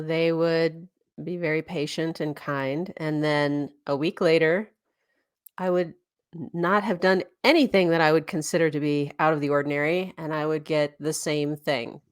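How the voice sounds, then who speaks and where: A woman's voice: low-pitched, fairly even intonation, measured pace, smooth. A woman co-hosting a podcast and telling a personal story in a casual way, laughing and acting out quoted dialogue. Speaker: podcast co-host; energy worker.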